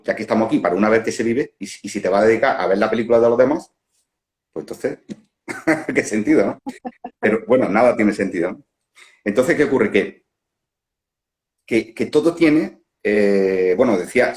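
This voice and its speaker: Hombre, acento español, voz algo grave, charla espiritual meditada, tono de quien piensa en voz alta. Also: male voice, on the low side. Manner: unhurried, musing, laughs at own examples. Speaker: non-duality facilitator. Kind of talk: reflective spiritual talk. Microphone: phone on a live stream.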